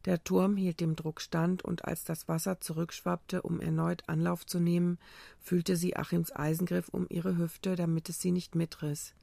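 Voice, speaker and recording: A narrator reading a dramatic story aloud in a steady, even way. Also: mid-range voice, moderate pace, creaky, no echo. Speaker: audiobook narrator. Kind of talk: scripted narration.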